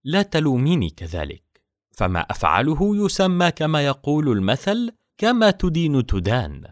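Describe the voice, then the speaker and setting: A man voicing an angry, scornful young wife in a storybook reading, sharp and commanding, on a dry recording. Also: on the high side, huge pitch swings, moderate pace, no echo, voice pushed up.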